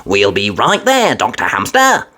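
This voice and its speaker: Woman as Miss Rabbit, lively capable firefighter. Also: a bass voice, unhurried, voice pushed down, full character voice. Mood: can-do. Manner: upbeat, can-do, clear announcing. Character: brisk, capable grown-up female rabbit firefighter.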